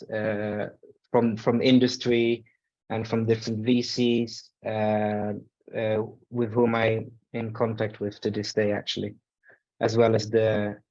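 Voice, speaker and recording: A man's voice: on the low side, a little mellow, highs cut off. A middle-aged man from Sweden speaking as an alumni guest on a video call, hesitant with many fillers. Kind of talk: casual panel answers on video call.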